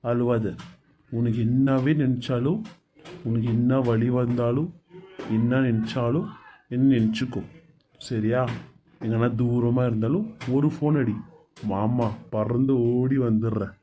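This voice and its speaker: Man as a tender husband in a Bangalore Tamil cartoon serial, warm dark voice, coaxing and reassuring. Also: mid-range voice, normal speed, pauses often, natural voice. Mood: comforting. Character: caring young husband, gentle and protective.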